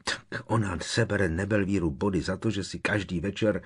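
A man's voice: sits low, fairly even intonation, husky. A man voicing a defiant, hot-tempered teenage boy who protests in a sarcastic, indignant way.

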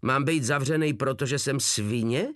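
A man's voice: mid-range voice, a bit bright, dry recording, studio quality, lightly acted. A man voicing a cheeky common soldier who answers his officer with mock politeness. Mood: mock-innocent.

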